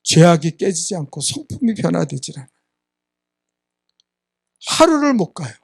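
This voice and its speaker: A man's voice: on the high side, sing-song, normal speed, gravelly, husky, no echo, studio quality. A man preaching a sermon as a church's senior pastor, emphatic and prodding his listeners, sometimes acting out congregants' voices. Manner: acts out congregants' voices in asides. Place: church sanctuary.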